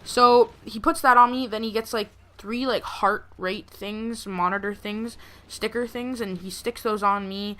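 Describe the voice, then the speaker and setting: A woman's voice: mid-range voice, fairly even intonation, unhurried, fairly bright tone. A young woman telling a personal story in a casual, rambling way, peppered with filler words like "like" and "you know". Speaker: gameplay video creator. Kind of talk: casual storytelling over gameplay.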